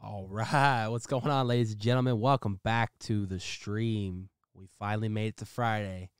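A man's voice: fairly low pitch, fairly even intonation, moderate pace, clear, resonant tone, no room sound, studio quality. Laid-back man on a headset stream mic. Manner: upbeat, laid-back, tags phrases with "man". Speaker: livestream gaming host. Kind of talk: casual stream chat.

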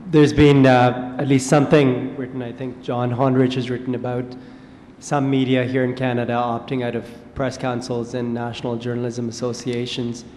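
A man's voice: mid-range voice, flat delivery, normal speed, a little mellow, a little hiss or hum. A man in the audience asks a long-winded question at a panel in a large lecture hall, often repeating himself. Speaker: audience member asking a question.

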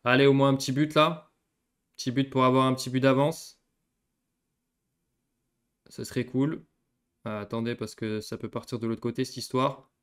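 A man's voice: mid-range voice, moderate pace, pauses often, clear, resonant tone. Young man grumbling over a football game. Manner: swings between excited yelling and muttered grumbling, swears often. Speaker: gaming YouTuber. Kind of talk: casual gameplay commentary.

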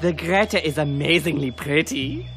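A man's voice: on the high side, normal speed, a bit bright, faint music behind. An actor voicing a big-hearted teenage boy who speaks broken English in an earnest, dreamy way.

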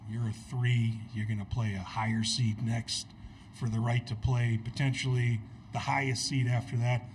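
Reporter asking a direct question. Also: male voice, mid-range voice, little pitch movement, normal speed, slight background noise. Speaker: sports reporter. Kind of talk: press conference question.

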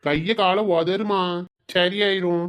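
A man's voice: sits high, fairly even intonation, slow, a bit bright. A man voicing a polite, teasing young groom-to-be with a southern Tamil Nadu accent. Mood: gentle.

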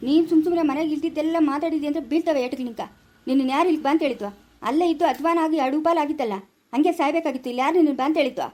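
A woman playing a stern mother who scolds and orders her daughter to keep quiet, speaking in a rural Karnataka Kannada accent in an amateur family drama. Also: high voice, racing, natural voice. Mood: scolding. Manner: scolding, sharp commands.

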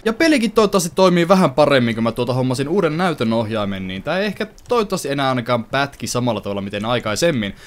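A young man hosting a casual let's-play, chatting to viewers as he plays and breaking into excited outbursts. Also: medium pitch, hardly any pauses. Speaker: gaming channel host.

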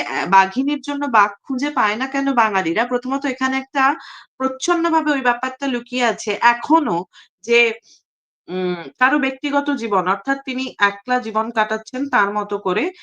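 A woman's voice: a little high, fairly bright tone. A Bengali woman hosting an opinion show, speaking indignantly and emphatically with frequent hesitation fillers. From West Bengal, India. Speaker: commentary show host. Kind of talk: opinion monologue to camera.

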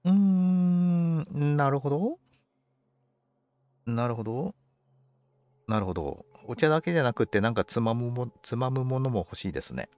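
A man's voice: mid-range voice, lively intonation, moderate pace, long pauses, no echo. A man commentating on a game for a livestream, politely musing aloud to himself in casual chat. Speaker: game streamer.

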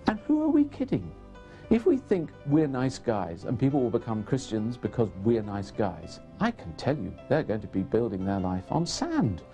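A man's voice: mid-range voice, huge pitch swings, normal speed, mellow, soft background music. A man preaching bluntly in an emphatic sermon.

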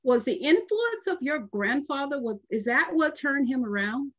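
A woman's voice: high-pitched, expressive, normal speed, fairly bright tone, dull audio. A middle-aged woman hosting an interview over a video call, chatty and affirming toward her guest. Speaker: host.

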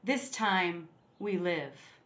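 A middle-aged woman reads her own poetry aloud with deliberate, dramatic phrasing, her fairly low voice bright-edged and lively in intonation. She's captured on a phone held out at arm's length.

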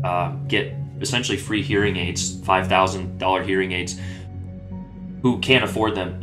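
A man talking casually as a gaming YouTuber, rambling and often restarting or correcting himself mid-sentence. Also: low voice. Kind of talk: casual commentary.

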